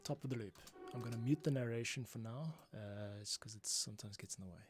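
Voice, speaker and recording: Speaking quickly at a medium pitch, a man mutters and thinks aloud while producing music on a live stream. He's the composer hosting it, and the talk works as a casual tutorial. Behind him are music, score playback, and the clicking of a computer keyboard.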